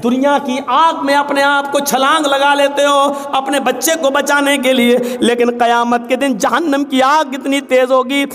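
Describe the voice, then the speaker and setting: A man's voice: extremely high pitch, flat delivery, few pauses, a bit bright. A man preaching a sermon with impassioned delivery, chanting scripture verses in between. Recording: echoey hall.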